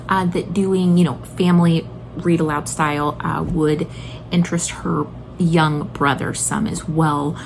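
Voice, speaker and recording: A late-thirties woman who homeschools and hosts videos enthusiastically recommends books to viewers, talking casually with emphatic, informal delivery. Her voice is on the low side and gravelly. The audio is poor, with a little hiss or hum.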